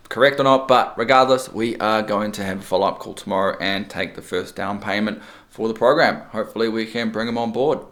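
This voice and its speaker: A man's voice: fairly low pitch, fairly bright tone, reverberant. A man with a New Zealand accent who runs a car detailing business, talking casually in an informal, salesy way as a vlogger. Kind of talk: casual vlog talk and sales calls.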